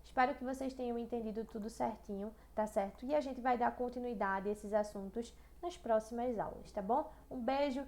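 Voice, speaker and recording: A woman with a Brazilian accent teaching an online lesson, chatty, checking in with "tá?" and "né?", reading verses slowly. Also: fairly high pitch, a little mellow. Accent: Brazilian Portuguese. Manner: reads poems aloud slowly and rhythmically.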